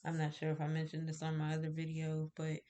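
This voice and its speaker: This woman talks quickly in a low, monotone, warm voice, though a stuffy cold leaves her nasal and congested. She casually chats to camera about candle-making, wandering off with fillers and light laughter.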